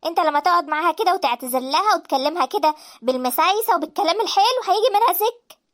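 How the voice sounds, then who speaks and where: A woman voicing a stern, fair-minded mother scolding her grown son, with an Egyptian accent, in an animated drama. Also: extremely high pitch, racing. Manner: lecturing and reproachful.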